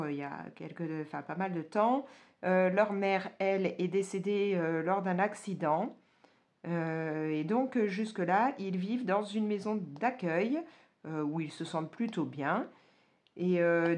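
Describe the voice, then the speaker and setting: Hesitant woman chatting about a book. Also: fairly low pitch. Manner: hesitant, many fillers and restarts. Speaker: vlogger. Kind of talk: casual book review chat.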